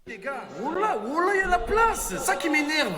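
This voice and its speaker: A man's voice: extremely high pitch, very animated, brisk. A man reacting emotionally to a live football match, ranting and repeating himself with profanity, swinging between muttering and screaming. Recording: echoey reverberant room, crowd noise.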